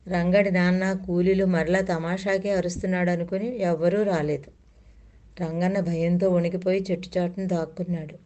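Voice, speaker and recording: A woman telling children's stories in a slow, clear storybook manner. Her voice sits a little low and sounds soft and mellow. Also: steady tone.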